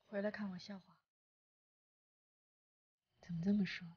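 An actress playing a calm, reassuring woman with a husky voice. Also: medium pitch, unhurried, lo-fi sound.

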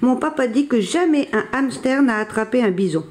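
A storyteller voicing a small, eager boy hamster who dreams of being a cowboy, with high, excited exclamations. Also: normal speed, natural voice. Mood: proud. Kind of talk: storybook read-aloud.

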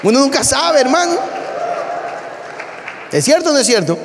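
A man preaching a sermon as a pastor, telling animated stories and calling his listeners brother. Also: very high-pitched, moderate pace, vocal fry, a crowd in the background, noisy background. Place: church hall. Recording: long hall reverb.

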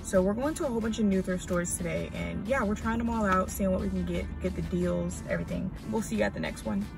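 A woman in her twenties with an American accent vlogs casually, sometimes in a parked car and sometimes at home, with music playing underneath. Her medium-pitched voice is fast and creaky, and her chat is slangy and informal, full of animated asides.

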